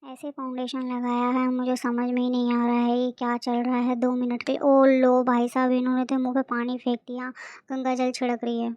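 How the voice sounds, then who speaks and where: Brief: young woman vlogger, mocking running commentary, high even voice, dry close sound. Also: fairly quick, no echo, muffled recording. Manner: sarcastic, exasperated storytelling. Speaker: beauty vlogger. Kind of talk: comic voice-over commentary.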